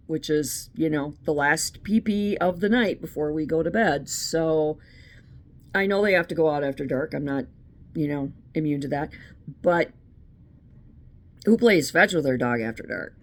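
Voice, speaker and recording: A woman's voice: low-pitched, a little slow. A middle-aged American woman hosting her own channel, talking in a chatty, opinionated monologue with frequent restarts. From United States. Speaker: channel host. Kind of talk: casual monologue.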